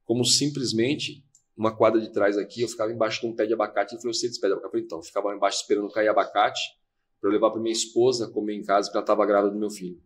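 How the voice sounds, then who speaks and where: A man's voice: on the low side, steady tone, slightly rough. A man, a podcast guest, earnestly telling a personal story and replaying conversations as they happened. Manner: fast, earnest, replays dialogue. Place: podcast studio.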